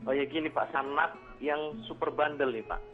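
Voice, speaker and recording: A man's voice: a little high, fairly even intonation, moderate pace, faint music behind. A man calling in to a talk show, sounding faint as if the phone is held away from his mouth, and speaking hesitantly and apologetically. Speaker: caller. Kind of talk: call-in to a radio talk show. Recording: tinny phone line, faint.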